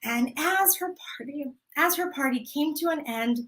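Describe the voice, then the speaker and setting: A woman storyteller narrating a trickster tale in an animated way. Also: high-pitched, moderate pace.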